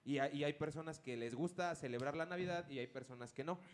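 A man's voice: fairly high pitch, quick pace. A man with a Mexican accent, chatting casually as a podcast co-host, laughing often and using crude slang. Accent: Mexican Spanish. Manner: laughs a lot, crude slang, rambling anecdotes. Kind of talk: casual group chat.

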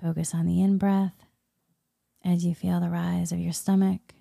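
A woman leading a guided meditation in a soft, soothing spa-like murmur that often slips into a whisper. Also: on the low side, flat delivery, unhurried, vocal fry, no room sound, studio quality. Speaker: guided meditation leader, Reiki healer.

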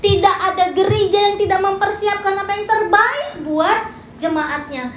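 Woman pastor, sermon, animated preaching, very high voice, faint background noise. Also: normal speed, heavy reverb, rough recording. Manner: animated preaching with acted-out quotes and questions to the congregation.

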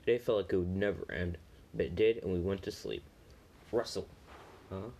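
A man's voice: deep voice, lively intonation, fast talker, gravelly, warm tone, slight background noise, poor audio. A man reading a first-person story aloud, plainly, with small slips and restarts.

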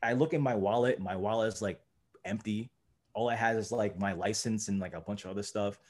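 A man's voice: fairly low pitch, brisk. A young man, a guest, telling a story casually and filling his talk with "like" and "you know". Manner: rambling, heavy use of "like" and "you know".

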